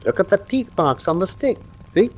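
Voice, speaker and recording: Playing a confident, teasing gentleman detective in a classic radio drama, an actor with an English accent speaks precisely and with theatrical condescension. His voice sits high and husky, with big pitch swings, a normal speed, and an exaggerated quality, and he sounds keen and dramatic.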